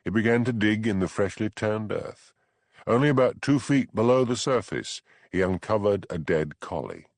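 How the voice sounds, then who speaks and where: Male audiobook reader, low and lively, close dry studio sound. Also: normal speed, no room sound. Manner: expressive, dramatic. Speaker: audiobook narrator. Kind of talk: scripted narration.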